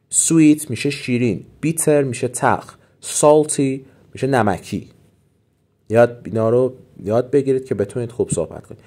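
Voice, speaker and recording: A man teaches English in a casual lesson, his voice mellow and pitched in an ordinary middle range. He says each English phrase slowly, then explains it quickly in a relaxed, chatty way. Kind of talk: casual spoken language lesson.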